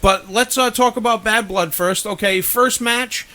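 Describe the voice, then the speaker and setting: Bright, slightly high voiced guy on a podcast, excitable, swears a lot. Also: a little slow. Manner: excitable, swears freely, laughs often. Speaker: podcast co-host. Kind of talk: casual chat.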